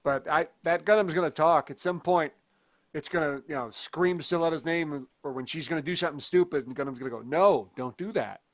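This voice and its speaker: A man with a somewhat high voice chats on a podcast, emphatic and playful. The recording is dry and close, with no room sound. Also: no echo. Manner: emphatic, joking, quick to laugh. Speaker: podcast co-host. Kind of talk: casual chat.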